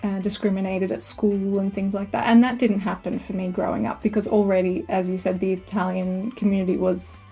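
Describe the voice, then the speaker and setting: A woman in her thirties speaks as a podcast guest in a mellow, darker voice. She tells her story in a calm, reflective way, with soft music playing under her. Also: mid-range voice, brisk, gravelly, few pauses, husky. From Australia. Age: 30s. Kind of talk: podcast interview.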